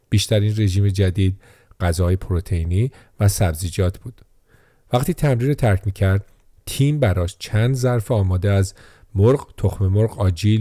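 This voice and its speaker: A man reading an audiobook story in a steady storytelling manner. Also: low-pitched, dry recording, clean studio sound. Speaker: narrator. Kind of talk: audiobook narration.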